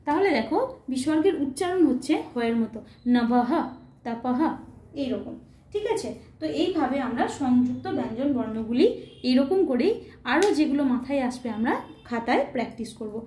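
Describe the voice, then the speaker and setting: A woman's voice: high-pitched, animated, normal speed, mellow, echoey room, slight background noise. A woman teacher explaining a grammar lesson patiently, step by step, often checking that students follow. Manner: patient, step-by-step, often asks "ঠিক আছে?".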